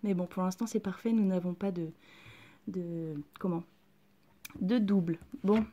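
A woman chatting through a casual unboxing at home, gushing with excitement and often dropping to a soft whisper. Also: on the low side, a little slow, dull audio. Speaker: vlogger unboxing collectible figurines.

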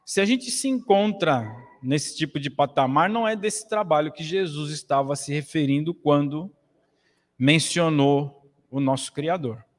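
A man's voice: a little high, unhurried. Brazilian man preaching in an echoing hall. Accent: Brazilian Portuguese. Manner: earnest, preaching with wide gestures. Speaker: lecturer at a spiritist center. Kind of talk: spiritist lecture. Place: small hall, standing at a lectern. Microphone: stand mic at a lectern. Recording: long hall reverb.

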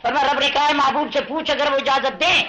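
A man preaching a fiery sermon to a crowd in a rhythmic, rhyming cadence, calling the listeners to answer him and rising into impassioned shouts. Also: very high-pitched, fairly even intonation. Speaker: Islamic preacher. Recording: dull lo-fi 1982 tape of a live gathering.

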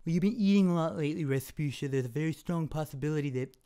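A man's voice: fairly high pitch, fast talker, dark tone, clean tone, lightly acted. A young man switching impression voices, playing a meek, nerdy man from a film comedy. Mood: meek, fussy. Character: meek, nerdy man Norbit, gently complaining.

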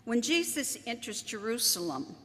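A woman pastor delivering a sermon, emphatic and animated, with wry asides. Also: a little high, moderate pace. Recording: long church reverb.

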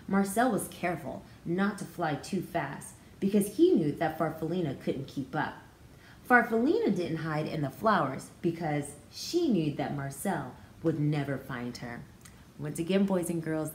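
Reading a story to young children, an American pre-kindergarten teacher explains it expressively using simple words, her voice lowish and darkish in tone. It was recorded indoors in a small hard-walled room, so there's a roomy echo and faint noise behind her.

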